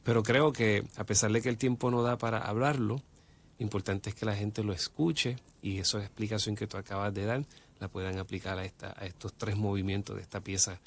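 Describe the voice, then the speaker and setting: Low-voiced man, radio host, affirming interviewer. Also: fairly even intonation, fairly quick. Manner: affirming, with short backchannels.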